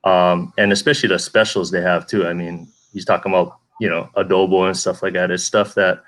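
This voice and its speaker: An easygoing man from Hawaii shares memories in a casual chat, with a very deep voice. He fills his talk with relaxed asides. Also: fairly quick. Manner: easygoing, chatty with "you know".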